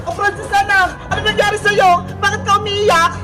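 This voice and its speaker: A sharp-tongued, quick-tempered cartoon mother scolds in a very high, squeaky voice. Her pitch stays flat and level. Cartoon music plays clearly behind her. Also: crowd noise. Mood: worried. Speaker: cartoon voice actor. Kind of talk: cartoon voice acting. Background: cartoon background music.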